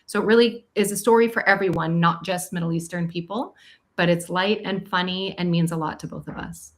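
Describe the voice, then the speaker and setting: A woman's voice: fairly low pitch, steady tone, brisk. An American woman filmmaker explaining her project in an interview, earnest and articulate, backing up her collaborator. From United States. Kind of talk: casual interview answers.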